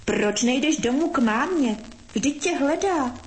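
A woman voicing Frost as a sharp, scornful male spirit who hisses his words in a storybook reading. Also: high voice, pitched above the performer's own voice, lightly acted. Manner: hissing, sharp.

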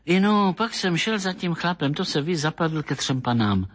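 A man voicing an excitable, irritable middle-aged police detective who talks in agitated bursts in an audiobook reading. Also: a little high, pitched above the performer's own voice. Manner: agitated, exclamatory, bursts of shouting.

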